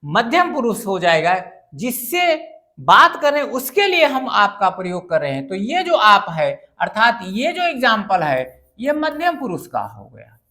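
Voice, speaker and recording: Lively, bright-voiced woman teaching grammar. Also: medium pitch, a little slow. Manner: patient, repeats key points and asks the class questions. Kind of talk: grammar lesson for exam students.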